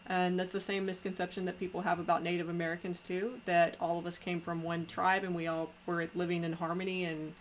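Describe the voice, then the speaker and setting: Halting woman podcast host, lowish voice. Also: flat delivery, slight background noise. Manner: halting, many fillers and restarts. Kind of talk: casual conversation.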